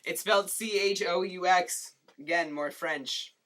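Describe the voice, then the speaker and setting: With a mid-range voice and a slightly slow pace, a cooking show host demonstrates home cooking in a kitchen, keeping it jokey through deadpan quips and playful side remarks.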